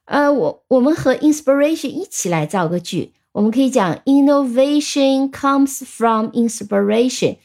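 A woman teaching English vocabulary in a patient, step-by-step way, slowly repeating example sentences and spelling words out letter by letter. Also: high-pitched, animated, a little mellow. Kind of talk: vocabulary lesson.

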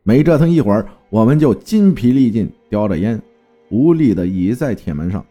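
A man's voice: on the low side, sing-song, moderate pace, warm tone, soft background music. A man telling a first-person horror story with dramatic storytelling and terse spoken commands.

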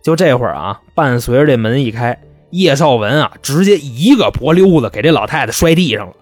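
A man's voice: medium pitch, a little fast, dry recording, faint music behind. A man telling a true-crime story in a colloquial, chatty way. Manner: colloquial, animated, chatty asides. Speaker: podcast host.

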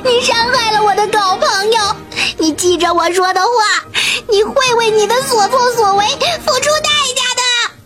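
A woman voicing a small, loyal and fierce sparrow in a bedtime story, chirpy and quick-tongued. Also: sing-song, over loud music. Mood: desperate. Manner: chirpy, rapid and shrill when angry. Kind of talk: storybook character voice.

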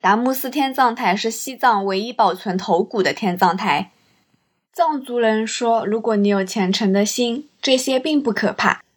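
A woman's voice: fairly high pitch, moderate pace, breathy edge. A woman hosting and narrating a scripted first-person travel story in a reflective, literary way. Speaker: storyteller and host.

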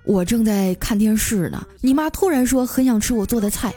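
A woman's voice: on the high side, lively intonation, brisk, dark tone, husky, soft background music. A woman voicing an aggrieved, henpecked middle-aged father who complains in a self-pitying way.

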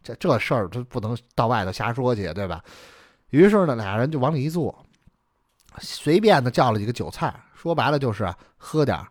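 Man, storyteller, chatty asides, lively pitch, dry close sound. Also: fairly quick, dry recording. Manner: chatty, explanatory asides with many fillers. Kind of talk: traditional Chinese storytelling.

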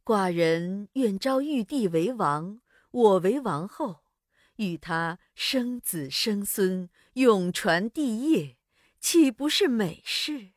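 Man doing a soft stately queen. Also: high-pitched, animated, takes it slowly, no echo, studio quality, voice pushed up. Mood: pleased. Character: regal eager young queen.

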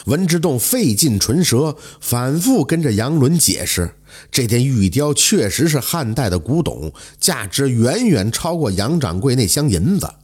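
A man telling a folk tale in a dramatic, lively storytelling manner with exclamatory asides. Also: medium pitch, measured pace, breathy edge. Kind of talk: traditional oral storytelling.

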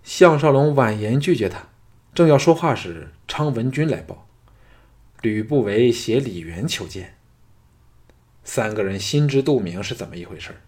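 Man reading a martial-arts novel aloud, steady, medium-pitched voice. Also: brisk. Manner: steady storytelling. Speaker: audiobook narrator.

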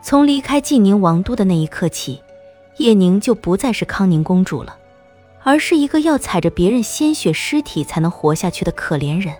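A woman narrating a novel in the first person with expressive storytelling. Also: mid-range voice, moderate pace, faint music behind.

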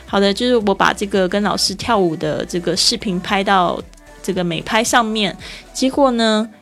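A woman teaching English vocabulary, slowing down to read phrases and spelling words letter by letter. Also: mid-range voice, a bit bright, faint music behind.

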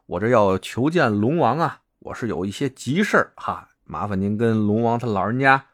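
A man's voice: on the low side, expressive, normal speed, lightly acted. A man voicing an earnest young male prince consort who pleads on an urgent errand. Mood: pleading.

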